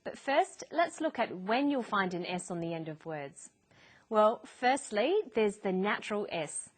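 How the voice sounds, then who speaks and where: Slow, deliberate woman teaching English. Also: mid-range voice, expressive. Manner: clear, deliberate teaching delivery. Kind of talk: scripted educational narration.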